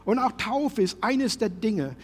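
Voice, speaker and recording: Husky-voiced man preaching in a reverberant hall. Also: high-pitched, very animated, unhurried. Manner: passionate preaching, swings from loud to soft. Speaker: pastor. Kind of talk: sermon. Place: church service hall.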